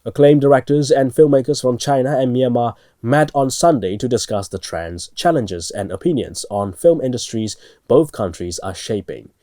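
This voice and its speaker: A man's voice: medium pitch, normal speed, hardly any pauses, warm tone, no echo, studio quality. A man presenting radio news, reading scripted reports.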